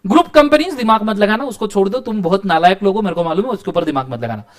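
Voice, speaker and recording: High-voiced man teaching a playful law lecture. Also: expressive, fast. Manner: playful, scolding and joking with students. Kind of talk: live online lecture.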